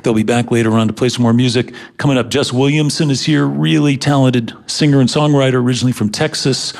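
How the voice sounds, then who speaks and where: A man's voice: mid-range voice, vocal fry. A man hosting a live radio show, introducing music and interviewing a guest in a casual, easygoing manner. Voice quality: casual, relaxed delivery with fillers.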